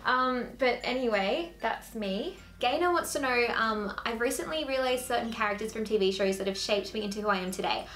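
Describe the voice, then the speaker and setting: A woman's voice: a little high, fairly quick, few pauses, fairly bright tone, a little hiss or hum. Chatty young Australian woman vlogger. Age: 20s. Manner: chatty, filler-heavy with frequent "like". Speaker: YouTuber. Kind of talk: casual Q&A chat to camera.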